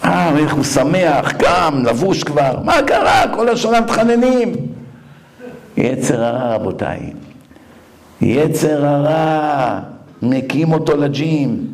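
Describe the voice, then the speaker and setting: A man giving a Torah lecture, telling animated stories with mocking asides and acted-out voices. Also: a little high. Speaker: rabbi lecturer.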